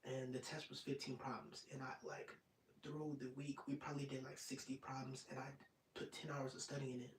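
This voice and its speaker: A man of twenty-five hosting an ASMR live stream, chatting casually and rambling, sometimes dropping into soft whispers. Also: medium pitch, a little fast, recorded from a distance. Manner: rambling and relaxed, drops into soft whispers at times. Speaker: ASMR channel host. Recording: roomy, off-mic sound with faint noise.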